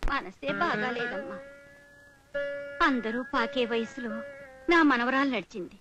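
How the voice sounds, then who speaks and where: An older actress playing a caring mother-in-law and grandmother with a soft, pleading way of speaking, in a film. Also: fairly high pitch, measured pace, muffled recording, over music, natural voice. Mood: sorrowful. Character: worried, caring old grandmother. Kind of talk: film acting.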